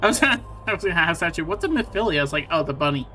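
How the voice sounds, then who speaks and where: A man's voice: high voice, sing-song, very fast, pushed and bright, slight background noise. A man streaming a video game, chatting casually with friends and laughing often. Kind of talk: casual chat while playing a game.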